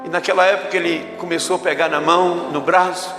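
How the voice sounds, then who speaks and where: A man's voice: high-pitched, little pitch movement, a little fast. A Brazilian male pastor preaching a dramatic sermon, calling the congregation to repeat after him. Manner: dramatic, call-and-response preaching. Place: church hall. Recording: echoey hall with music behind.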